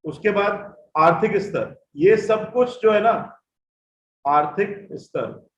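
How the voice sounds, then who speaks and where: A man's voice: high-pitched, animated, takes it slowly. A man teaching an online class, who repeats key points and keeps checking whether his students follow. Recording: echoey room, dull audio, faint noise.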